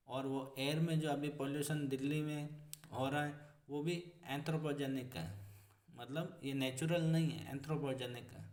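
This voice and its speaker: A male teacher giving a vocabulary lesson, explaining each word slowly and repeating meanings, calling his students friends. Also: mid-range voice, recorded from a distance. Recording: echoey room, voice off-mic.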